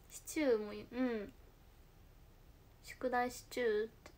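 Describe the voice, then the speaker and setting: A young idol livestreamer from Kochi, Japan, chats casually in Tosa dialect and answers viewer comments. Her voice is a little high and soft, sometimes slipping into a whisper.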